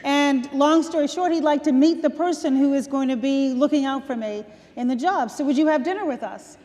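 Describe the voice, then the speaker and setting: A woman in her sixties, a guest on stage, telling stories from her life in a relaxed conversational way, laughing between points. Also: high voice, fairly quick. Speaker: guest speaker. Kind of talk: onstage conversation. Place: large event hall. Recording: long hall reverb.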